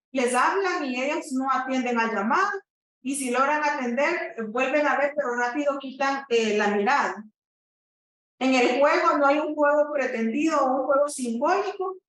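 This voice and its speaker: In an echoey lecture room, heard from a distance, a therapist from El Salvador lectures in a long, explanatory style. She often checks in with listeners, leaning on fillers and "¿verdad?" tags, and her voice is high and a little bright.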